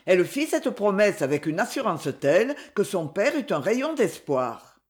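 A woman narrating a novel aloud in a measured, expressive reading. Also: medium pitch. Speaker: audiobook narrator.

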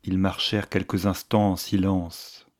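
A man reads a classic novel aloud with measured, literary pacing. His voice sits low, and his narration is steady and composed throughout. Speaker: audiobook narrator.

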